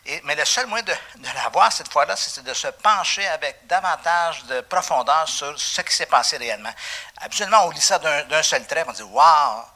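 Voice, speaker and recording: Man, pastor, Québécois French accent, bright forceful voice, lively sermon, lots of fillers. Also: a little high, brisk. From Canada. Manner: animated preaching with frequent "euh" fillers and restarts. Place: church.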